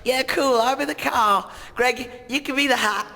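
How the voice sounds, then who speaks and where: A man's voice: very high voice, normal speed, creaky, pushed and bright, pitched above the performer's own voice, full character voice. A man voicing a chatty eighty-year-old woman in a retirement home, with a quavery put-on old-lady voice in a reverberant studio. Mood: eager.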